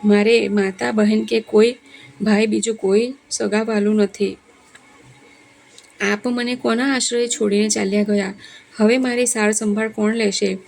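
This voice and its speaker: A woman's voice: mid-range voice, level tone, unhurried, vocal fry, a little mellow, poor audio. A woman reading the lament of a young daughter mourning her father, in a mournful recited manner. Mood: grieving.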